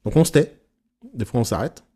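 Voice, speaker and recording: A man leading a casual teaching session for therapists, frank and animated, swearing casually and acting out his examples. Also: medium pitch, a little fast, breathy edge. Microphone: recorded live session, on YouTube.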